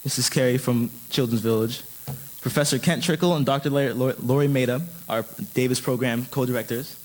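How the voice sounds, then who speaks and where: A man's voice: mid-range voice, steady tone, a little fast, a little mellow, rough recording. A man reading out a formal list of thanks and acknowledgments as a student presenter.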